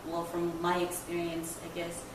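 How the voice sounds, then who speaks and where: A woman's voice: lowish voice, monotone, normal speed. A young woman from Guinea, answering interview questions conversationally with many fillers. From Papua New Guinea. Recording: echoey, distant mic, background noise.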